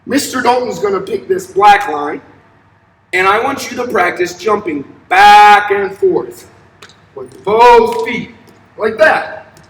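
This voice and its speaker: Upbeat and encouraging, a high-pitched young man teaching elementary PE gives kids simple short directions during a fitness demonstration. He speaks slowly with lively intonation and a fairly bright tone. The recording is echoey and distant, from a camera a few steps away in a large, empty indoor gym.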